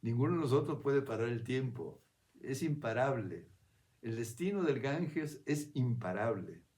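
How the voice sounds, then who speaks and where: A man giving a reflective spiritual talk in a conversational, unhurried way. He keeps checking in with his listener and restarts his phrases as he thinks aloud. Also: medium pitch, lively intonation, a little mellow. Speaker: spiritual speaker.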